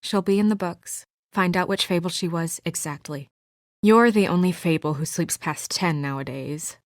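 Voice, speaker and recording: A game voice actress plays a young woman, an earnest and composed official who speaks with measured restraint in naturalistic video game dialogue. Her voice is fairly low and serious, recorded dry and close with no echo, and the performance is lightly acted.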